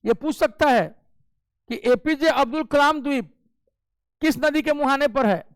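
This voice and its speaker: A man's voice: very high-pitched, unhurried, dry recording. A male teacher giving an exam coaching lecture, explaining step by step and checking in often with his class. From Bihar. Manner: explains step by step with frequent "ठीक है" check-ins.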